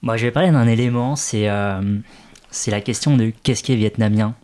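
Hesitant man with a lowish voice. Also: moderate pace, a little mellow, clean tone. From France. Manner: hesitant, many fillers. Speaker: interview guest, café co-founder. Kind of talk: casual interview talk.

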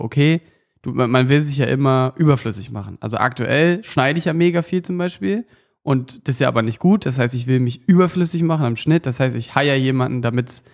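Gravelly young man chatting. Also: medium pitch. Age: 20s. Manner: rambling, many fillers and restarts. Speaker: guest, agency founder and filmmaker. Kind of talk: casual podcast chat.

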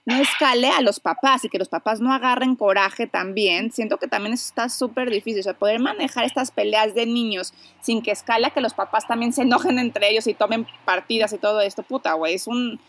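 A woman's voice: a little high, a little fast, hardly any pauses, fairly bright tone. A Mexican woman chatting casually as a podcast co-host, frank and swearing freely. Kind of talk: casual chat.

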